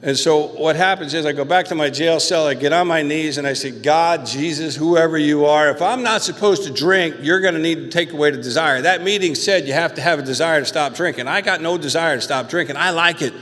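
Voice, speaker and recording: A man's voice: on the high side, fairly quick, hardly any pauses, a bit bright. A man with a New Jersey accent giving a recovery testimony from the pulpit, telling his story and acting out the voices of the people in it. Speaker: guest speaker. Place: church hall. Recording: long hall reverb.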